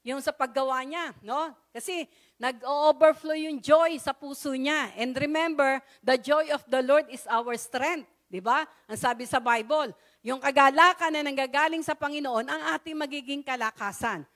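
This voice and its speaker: A Filipino woman with a high-pitched voice preaches a church sermon in a storytelling way. She keeps checking in with her listeners through short tag questions and mixes English phrases into her Tagalog. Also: normal speed. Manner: frequent "no?" tag questions, warm storytelling with rising excitement. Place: church service.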